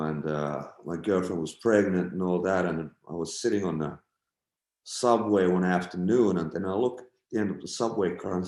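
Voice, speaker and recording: Laid back middle-aged guy telling rock stories, cussing a lot, kinda low and gravelly, echoey room. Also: darkish tone. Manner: laid-back, swears freely, acts out quotes. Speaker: guest musician. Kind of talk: casual interview storytelling. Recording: roomy echo.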